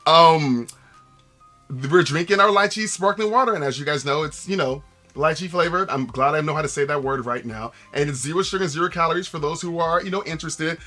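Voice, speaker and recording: A man's voice: a little high, a little fast, soft background music. A man streaming live, chatting casually to viewers and telling a story with lots of restarts and acted-out quotes. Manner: animated storyteller with many restarts and quoted voices.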